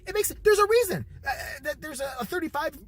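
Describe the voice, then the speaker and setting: A man's voice: very high voice, lively intonation, fast, fairly bright tone. A man in his forties giving a rambling, profane comedic rant to camera. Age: 40s. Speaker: vlogger.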